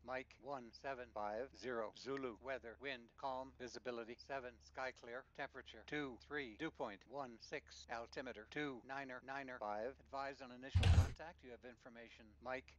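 Male automated airport weather broadcast voice, mid-pitched, clipped readout, lo-fi radio sound. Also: fairly quick, pauses often. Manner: flat, clipped recitation of numbers and codes. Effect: automated airport weather broadcast over the radio. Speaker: recorded airport weather information. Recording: dull lo-fi radio audio.

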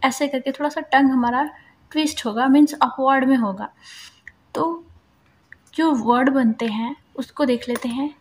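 A woman teaching English phonics in Hindi mixed with English, sounding out each vowel slowly and clearly. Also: high voice. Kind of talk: explaining phonics in a casual lesson.

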